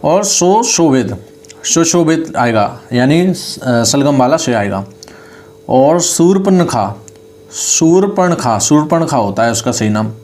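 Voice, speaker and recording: A man teaching a spelling lesson online, saying each word over and slowly correcting it. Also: medium pitch, expressive, darkish tone. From India. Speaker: online exam-prep Hindi teacher.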